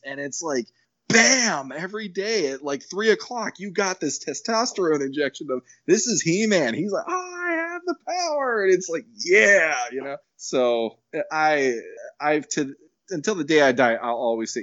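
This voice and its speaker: A man chatting on a podcast in an animated, rambling way, acting out quotes. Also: a little high, normal speed, no room sound. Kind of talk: casual podcast chat. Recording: dull lo-fi dry sound.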